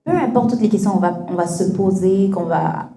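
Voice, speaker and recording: A woman's voice: medium pitch, moderate pace, gravelly, dark tone. Frank woman host in an echoey room. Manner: frank and opinionated, mixing in English phrases. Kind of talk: casual faith-based conversation. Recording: echoey room with faint music.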